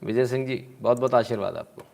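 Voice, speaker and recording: A man gives loose, off-the-cuff political commentary. His tone is teasing and sarcastic, full of mocking asides. He keeps clearing his throat and throwing in a questioning "hmm?" while he talks into a close mic. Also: medium pitch, fast talker, darkish tone.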